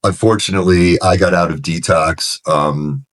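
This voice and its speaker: A middle-aged man in recovery work, frankly telling his own story in conversation, restarting sentences often and getting animated as he relives moments. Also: deep voice, moderate pace. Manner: earnest and frank, frequent restarts, grows animated when retelling scenes. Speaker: recovery director, podcast guest. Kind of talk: candid personal storytelling in conversation.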